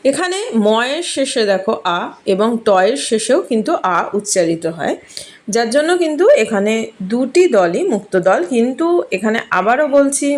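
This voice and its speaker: A young woman, teaching a grammar lesson to schoolchildren and explaining it step by step. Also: a little high. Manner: explains step by step, often saying "dekho".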